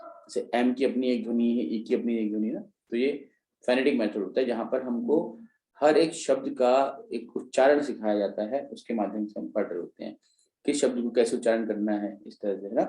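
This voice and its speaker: A man's voice: medium pitch, steady tone, a little fast, mellow, reverberant, rough recording. A man teaching an exam-prep class in speech, explaining step by step and often checking in with his students. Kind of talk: classroom lecture.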